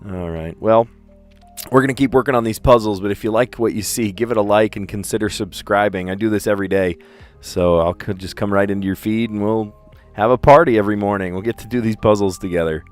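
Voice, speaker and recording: On a livestream, an East Coast American man with a lowish voice and a general American accent muses casually as he solves word puzzles. He speaks deliberately, with an occasional filler while thinking, and faint music plays in the background.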